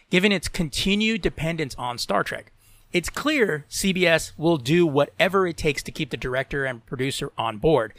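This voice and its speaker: A Latin American man hosts a podcast, reading tech and entertainment news aloud and breaking off into opinionated commentary peppered with "you know." His voice is on the high side and a bit bright, with no room sound.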